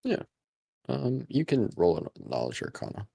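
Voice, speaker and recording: A man narrating a tabletop game as dungeon master, talking in a relaxed way with many pauses and fillers. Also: medium pitch, vocal fry, slightly rough.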